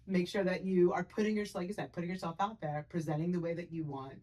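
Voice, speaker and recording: A woman hosting a casual podcast chat, playful and quick to laugh as she tells stories. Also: on the low side. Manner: playful, laughing, animated when telling stories. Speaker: podcast host.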